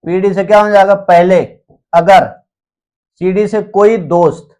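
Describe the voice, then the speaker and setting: Male chemistry tutor with a high voice who drills mnemonics with repeated questions and an easygoing classroom manner. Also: steady tone, a little slow, a little mellow. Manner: addresses students informally and reassuringly. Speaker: chemistry teacher. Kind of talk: classroom lecture with memory tricks.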